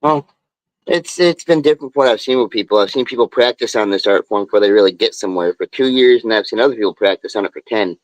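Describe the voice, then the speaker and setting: A man's voice: on the low side, fast, no echo, low-quality recording. A man streaming casually as he draws, talking in a laid-back, drawling, slangy way into a phone. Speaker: live streamer and tattoo artist. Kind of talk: casual chat while drawing.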